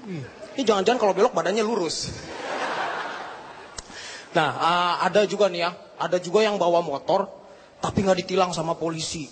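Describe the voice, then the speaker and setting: A man's voice: high-pitched, a little fast, pauses often. A man doing a stand-up comedy routine, full of slangy, self-mocking punchlines. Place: TV studio stage before a live audience. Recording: TV broadcast with crowd and noise.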